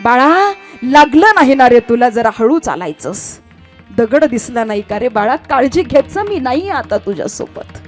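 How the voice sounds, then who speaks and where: A woman's voice: very high-pitched, sing-song, moderate pace, a bit bright, faint music behind, heavily acted. A woman preacher voicing an anxious, loving old farm mother in a sung sermon story, asking worried pleading questions. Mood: tender.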